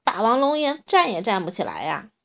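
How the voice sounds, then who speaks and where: A woman voicing a loud, jeering bully tyrannosaurus. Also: fairly high pitch, very animated, a little fast, pitched above the performer's own voice. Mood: taunting. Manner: loud, jeering, bursts of laughter. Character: big bullying male tyrannosaurus, mocking and gruff.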